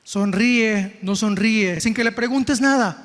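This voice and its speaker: A man's voice: high-pitched, slow, a bit bright. A Mexican man preaching a sermon in an event hall, folksy and emphatic, often putting questions to his listeners. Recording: long reverb in an event hall.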